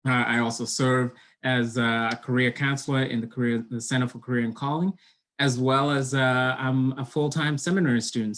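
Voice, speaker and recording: A young man from Kenya gives an online talk as a college admissions counselor. He speaks earnestly at a middle pitch, pausing often on "uh" and restarting his sentences as he goes. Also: a bit bright. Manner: earnest, many fillers and restarts. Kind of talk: online presentation.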